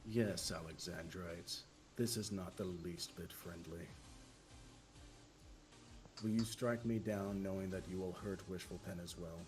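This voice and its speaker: A man playing a smug villain in a tabletop game, speaking in a slow, theatrical, menacing way. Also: sits low, fairly even intonation, over music. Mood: smug taunting. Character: smug male villain serving a dark power, coldly taunting. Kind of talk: tabletop role-play.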